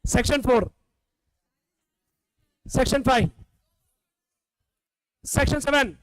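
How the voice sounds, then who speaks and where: A man from India runs a live class, quizzing students and scolding them playfully. His voice sits very high and he drills through points slowly. The sound is dry and close. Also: dry recording, low-quality recording. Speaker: teacher. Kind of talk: classroom revision lecture.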